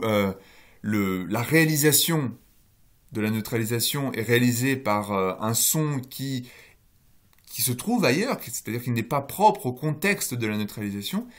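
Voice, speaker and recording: A man lecturing on linguistics in a recorded course, explaining step by step with frequent hesitations. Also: medium pitch. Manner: explanatory, many fillers, rising emphasis on key terms.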